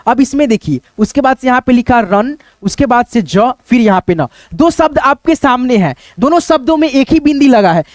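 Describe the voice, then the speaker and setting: A man teaching a whiteboard lesson, spelling out letters slowly and checking in with listeners, sweating as he works. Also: extremely high pitch, no echo. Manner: repeats "friends" and tag questions, spells out letters slowly.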